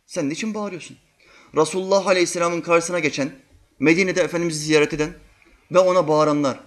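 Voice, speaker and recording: A man giving a religious sermon, telling vivid stories and acting out quotes, swinging between loud and hushed. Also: a little high. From Turkey. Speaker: preacher.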